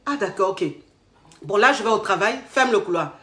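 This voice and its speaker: A woman telling her life story in casual, animated speech, quoting the people she met. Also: mid-range voice, moderate pace. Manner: animated retelling with acted quotes. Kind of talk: personal storytelling. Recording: echoey room.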